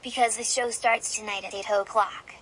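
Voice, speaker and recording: A woman voicing a cheerful bright kid. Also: on the high side, steady tone, moderate pace, slight background noise, natural voice. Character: cheerful kid singer leading friends.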